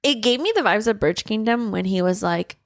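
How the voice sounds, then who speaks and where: A young woman in casual book-review chat, animated and swearing freely. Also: mid-range voice, normal speed, no room sound, studio quality.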